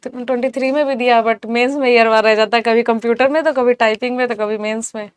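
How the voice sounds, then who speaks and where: A young woman answering interview questions, recounting her story in a steady, matter-of-fact way. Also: on the high side, quick pace, clear, resonant tone, no echo. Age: young adult. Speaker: guest, successful exam candidate.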